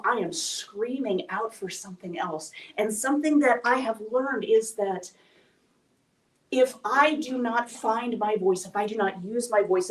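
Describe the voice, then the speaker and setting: A woman telling a candid, emotional personal story to a live audience at a speaker event. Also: medium pitch. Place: event hall. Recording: echoey room from a distance.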